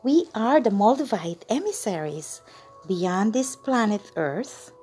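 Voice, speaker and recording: Very slow, whispery woman meditation guide. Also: mid-range voice, big pitch swings, darkish tone, slight background noise. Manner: slow, soothing, drawn-out delivery with breathy whispered endings.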